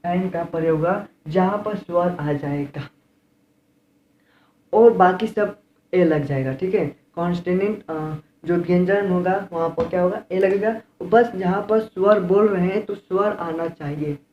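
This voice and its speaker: A man's voice: sits high, unhurried. A man with an Indian accent teaching English grammar in a classroom style. He repeats key words and keeps asking rhetorical questions. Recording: roomy, dull lo-fi with faint room noise.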